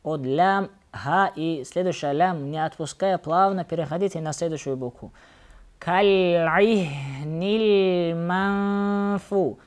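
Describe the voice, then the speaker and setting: A man teaching Quran recitation. He chants each phrase slowly and drawn out, then patiently corrects pronunciation in quick spoken asides. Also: fairly high pitch.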